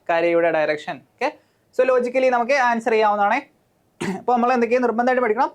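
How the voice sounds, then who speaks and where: A woman teacher with a Malayali accent, coaching students for an exam, explaining step by step with frequent "okay" and questions to the class. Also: medium pitch. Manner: mixes English terms into Malayalam.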